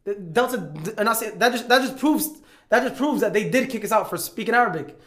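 A man, a podcast guest telling a story in casual chat, animated, stumbling and repeating words as he acts out what others said. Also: high-pitched, fairly quick.

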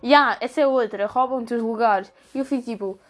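A woman's voice: on the high side, a little fast. A teenage girl with a European Portuguese accent, chatting casually and gossiping about her class in a slangy way. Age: teens. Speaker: student vlogger. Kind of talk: casual chat.

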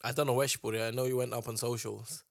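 Young adult male, London roadman accent, emphatic slangy banter, mid-pitched, close dry recording. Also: fairly even intonation, fast, gravelly, dry recording. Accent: London, urban roadman slang style. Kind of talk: casual banter.

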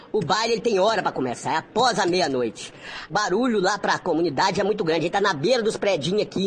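A man's voice: high-pitched, fairly bright tone. Man with a voice-changer disguised voice. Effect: voice-changer distortion to hide identity. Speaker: local resident. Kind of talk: anonymous complaint in a radio report.

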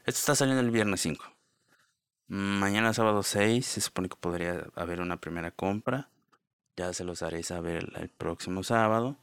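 A man's voice: low-pitched, normal speed, fairly bright tone, clean tone, no room sound, clean studio sound. A young man talking casually on his own podcast, rambling with many fillers and restarts. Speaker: podcast host. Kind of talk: casual solo podcast talk.

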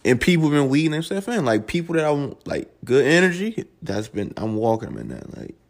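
A man's voice: on the high side, sing-song, brisk. A young adult man, a podcast host talking casually at home, rambling and swearing freely with many restarts. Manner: loose, profane, rambling with restarts. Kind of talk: casual solo podcast talk.

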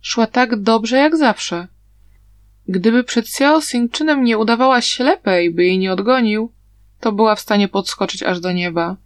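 A woman narrating a story aloud in an even, steady reading manner. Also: a little high, measured pace, no room sound. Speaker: audiobook narrator.

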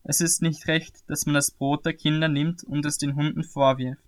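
A man reading aloud and voicing a male religious teacher who speaks calmly and with authority, in a measured, earnest way. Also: fairly high pitch, smooth, natural voice. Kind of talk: scripted scripture reading.

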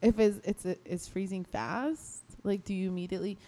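A woman's voice: mid-range voice, normal speed, dark tone. A young woman in a casual podcast chat, arguing her point in long rambling sentences full of fillers.

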